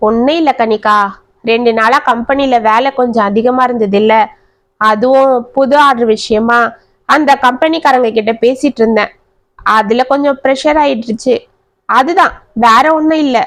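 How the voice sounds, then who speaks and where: A woman voicing a weary husband who talks softly and slowly to reassure his wife. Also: on the high side, no echo, natural voice. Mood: reassuring. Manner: soft, reassuring, speaks slowly. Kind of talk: storybook narration.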